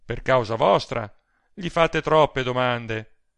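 A male reader voicing an aging gallant gentleman in an audiobook, ironic and emphatic. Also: mid-range voice, slow pace, creaky, no echo. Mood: pointed.

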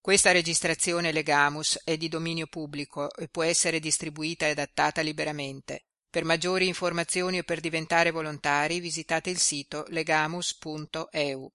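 A woman volunteer reader from Italy narrating a novella in a measured, expressive way. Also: sits low, dry recording, studio quality. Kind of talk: scripted narration.

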